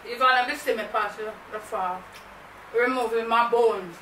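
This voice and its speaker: Speaking at a normal speed in a fairly high, sharp voice, this Jamaican-accented woman chats to camera on her mukbang vlog, sometimes switching into patois. The recording has an echoey room, a distant mic, and faint noise.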